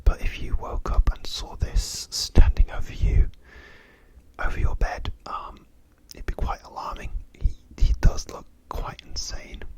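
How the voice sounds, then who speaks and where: A British man whispering casual, wandering ASMR rambles, hesitating and repeating words softly. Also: measured pace, poor audio. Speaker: ASMR video host. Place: hotel room.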